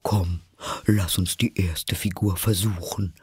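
A man voicing the Mock Turtle, a weepy, sorrowful sea creature from a storybook, in a breathy half-whisper. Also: deep voice, steady tone, takes it slowly, a little mellow, no room sound, heavily acted. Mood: eager.

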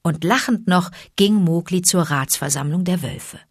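Low-voiced woman reading a story. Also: moderate pace, slightly rough, dry recording, clean studio sound. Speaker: narrator.

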